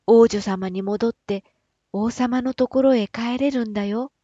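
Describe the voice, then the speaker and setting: Woman reading the lines of a gentle giant son. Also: fairly high pitch, measured pace, slightly rough, no room sound. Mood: tender. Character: gentle kind-hearted giant man, witch's son. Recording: dull, dry, slightly lo-fi recording.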